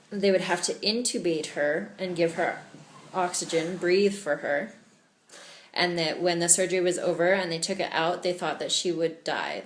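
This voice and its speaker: A woman from Canada talking through a casual video diary in an earnest, chatty way. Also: on the low side. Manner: earnest, chatty, laughs often. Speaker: vlogger. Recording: echoey room.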